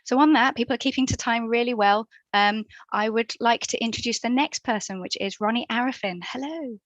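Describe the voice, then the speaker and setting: A woman's voice: a little high, steady tone, brisk, no room sound, muffled recording. A woman hosting a virtual conference over a video call, upbeat and welcoming as she introduces speakers. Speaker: conference host.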